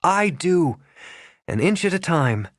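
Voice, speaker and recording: A man voicing an anxious young woman who is orderly yet flustered, speaking fast and rising in pitch. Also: big pitch swings, no echo, heavily acted. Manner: quick, rising, flustered delivery. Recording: dry close studio sound.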